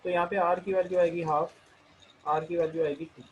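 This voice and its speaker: A man with an Indian accent teaching a math lesson, working through the steps one at a time and slowing down to read each equation aloud. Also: fairly high pitch, little pitch movement, highs cut off, some chatter behind, a little hiss or hum. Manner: explains step by step, mixing Hindi and English; slows down when reading out equations. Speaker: math tutor.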